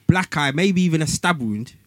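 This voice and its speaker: A man's voice: fairly high pitch, expressive, normal speed, dry recording. A man with a London roadman accent and slang, arguing emphatically in casual banter and often repeating himself. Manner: roadman street slang delivery.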